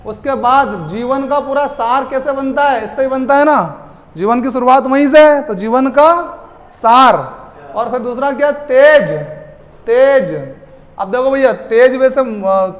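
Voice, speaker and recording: A man teaching a class in a lively lecture style. He keeps asking the students questions and then answers them himself. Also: extremely high pitch. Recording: long hall reverb.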